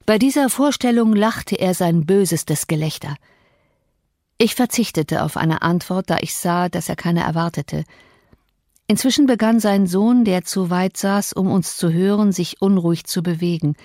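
A woman reads scripted audiobook narration in a measured, even storytelling style. Her voice sits lowish, and the recording is dry and studio quality.

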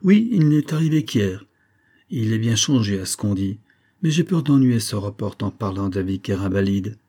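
A man's voice: lowish voice, sing-song, normal speed, mellow. A man voicing a scheming, envious young woman in an audiobook, speaking slyly and gossiping. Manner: sly, gossipy.

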